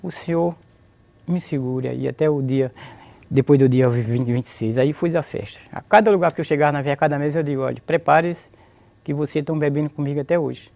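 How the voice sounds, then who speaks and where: A man's voice: on the high side, fairly quick, creaky, darkish tone. A Brazilian man telling his story of religious conversion, repeating phrases and praising God as he talks. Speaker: interviewee giving a testimony. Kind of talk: emotional religious testimony.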